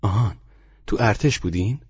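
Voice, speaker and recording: A man's voice: on the low side, breathy edge, lo-fi sound, voice pushed up. A man voicing an inquisitive, polite teenage girl who keeps asking questions in an audiobook story. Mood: curious. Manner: persistent, questioning.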